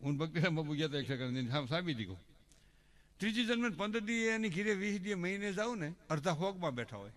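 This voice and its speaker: Bright-voiced Kathiawadi folk joke-teller. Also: male voice, sits high, big pitch swings, fast. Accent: Kathiawadi Gujarati. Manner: folksy, addresses the crowd as elders, acts out quoted villagers. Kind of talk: live stage comedy storytelling. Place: religious festival pavilion before a crowd. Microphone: stage microphone on a stand.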